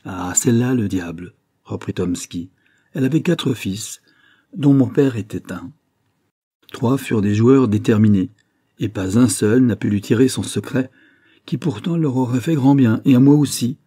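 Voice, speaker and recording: Mellow, husky male audiobook narrator. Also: mid-range voice, normal speed, no room sound, studio quality.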